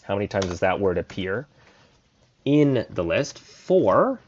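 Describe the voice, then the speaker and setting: A man with a lowish voice walks through code in a relaxed coding tutorial, thinking aloud as he goes. The recording is dull and lo-fi, with keyboard typing behind him. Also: unhurried. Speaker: programming tutor.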